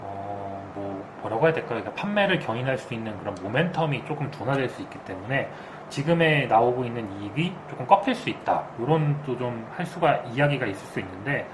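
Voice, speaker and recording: A man's voice: medium pitch, expressive, brisk, few pauses. A man co-hosting an unscripted financial talk, speaking through a face mask and explaining carefully as he weighs his word choices. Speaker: co-host and market commentator. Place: makeshift indoor room, not a studio. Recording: clearly noisy, air conditioner hiss.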